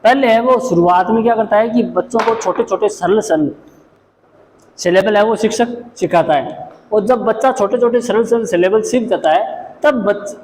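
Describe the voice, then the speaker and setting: A man's voice: sits high, normal speed, a little mellow. A man teaching a special education class, explaining each point and then repeating it, often checking in with "okay". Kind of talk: classroom lecture. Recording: echoey room with faint noise.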